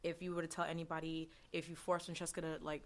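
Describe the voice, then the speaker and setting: A woman on a panel giving a personal account in a quiet, hesitant way, often restarting her sentences. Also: deep voice, level tone, fast, a little hiss or hum. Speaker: panel guest. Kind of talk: personal testimony.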